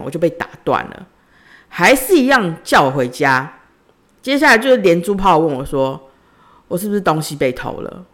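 Woman telling a personal story. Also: low-pitched. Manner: conversational, retelling dialogue in her own voice. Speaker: podcast host.

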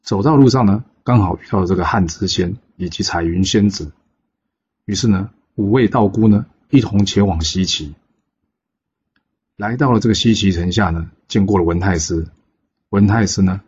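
A man telling a legend in a lively way, with exclamations and drawn-out filler particles. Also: deep voice, husky. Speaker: storyteller. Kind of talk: oral storytelling of a legend. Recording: dull lo-fi recording.

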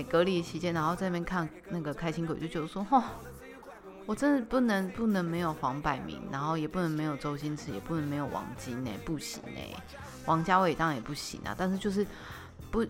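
A woman podcast host, telling stories in a lively, teasing, dramatic way. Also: lowish voice. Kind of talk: casual storytelling.

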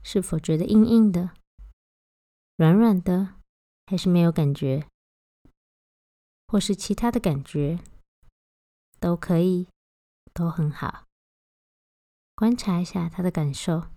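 A woman guiding a body-scan meditation, giving gentle, unhurried instructions with long pauses between phrases. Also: on the low side, dry recording, clean studio sound. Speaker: meditation guide.

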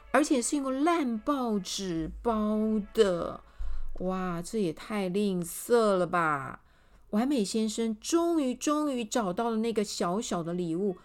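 A woman telling a storybook tale to children at a slow, unhurried pace. She talks to the little listeners directly, with lively, expressive delivery and playful asides. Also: mid-range voice. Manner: animated, addressing children directly.

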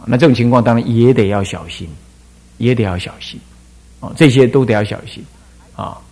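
A man's voice: mid-range voice, a little fast. An older man from Taiwan, an abbot giving a Buddhist dharma lecture to monastics, breaking into sung and chanted examples as he explains. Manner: demonstrates singing and chanting, animated and playful.

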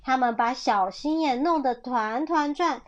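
A woman reading a children's story aloud, animated and pausing to ask her listeners questions. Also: sits high. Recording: dull lo-fi audio.

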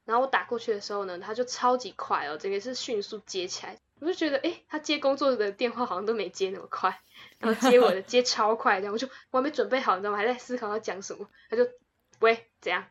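A woman's voice: on the high side, fast talker, lo-fi sound. Young woman co-host, chatty storyteller with a slightly raised voice, laughs easily. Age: young adult. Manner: chatty and warm, with frequent laughs. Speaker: podcast co-host. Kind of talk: casual storytelling chat.

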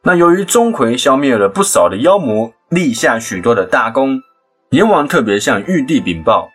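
A man with a Taiwanese Mandarin accent, slightly rough and medium in pitch, hosts a casual storytelling podcast over soft background music. He chattily retells a legend, lively and full of quick asides and laughs.

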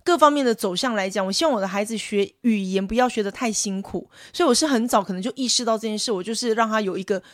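Brief: Taiwanese woman co-host, 30s, animated and laughing, rapid delivery. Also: mid-range voice, dry recording, clean studio sound. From rural Taiwan. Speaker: podcast co-host, mother. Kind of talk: casual chat mixing Hokkien and Mandarin.

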